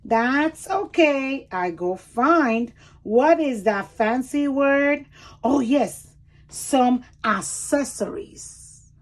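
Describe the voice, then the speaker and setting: A woman reading a picture book aloud to children in an expressive, deliberate way, pausing to explain words and point things out. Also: high voice. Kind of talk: animated children's read-aloud with commentary asides.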